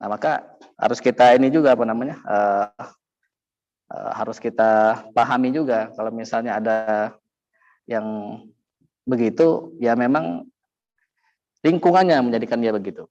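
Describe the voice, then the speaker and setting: Male preacher, lively storyteller who voices the characters he quotes, slightly dull lo-fi recording. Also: mid-range voice, normal speed, pauses often. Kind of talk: sermon with storytelling.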